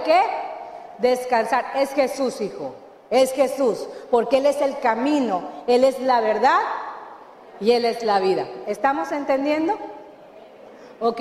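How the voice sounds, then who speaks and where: A woman's voice: sits high, a little mellow. A woman pastor with a Mexican Spanish accent, preaching a sermon and often asking the congregation questions. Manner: emphatic preaching with call-and-response questions. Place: church hall. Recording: echoey church hall, long reverb.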